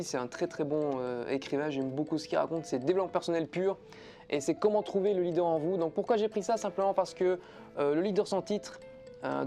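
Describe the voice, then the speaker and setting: A man's voice: on the high side, dark tone. A man chatting casually as a personal development vlogger, hesitant with many fillers and restarts, enthusiastic about what he unpacks. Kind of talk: casual unboxing vlog.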